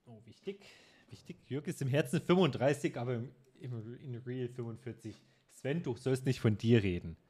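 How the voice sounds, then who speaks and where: Joking banter fills this casual gaming chat as a man in his twenties streams from his room at home and teases his friend. He talks at a moderate pace with hardly any pauses, in a medium-pitched voice that's dark and husky.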